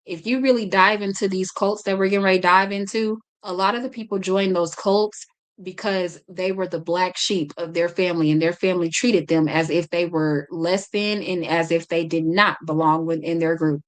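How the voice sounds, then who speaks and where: A woman's voice: on the low side, fairly even intonation, normal speed. A woman hosting a podcast, chatting casually, talking a lot and often stumbling and restarting her sentences. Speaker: podcast host.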